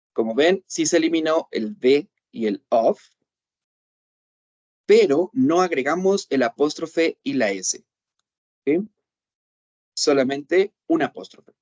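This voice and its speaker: Recorded dry and somewhat muffled, this man's voice is a little high with a darkish tone. Teaching English online in Spanish, he takes a patient approach, checks comprehension with repeated "¿ok?", and delivers English examples more slowly.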